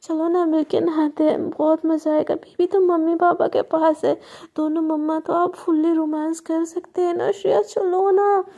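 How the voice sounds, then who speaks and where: A playful young woman who teases and coaxes with a very high voice, as a woman storyteller puts her on. The tone stays mellow and soft, wheedling rather than sharp, like a character in a narrated love story. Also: little pitch movement, normal speed. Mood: coaxing. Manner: teasing, coaxing.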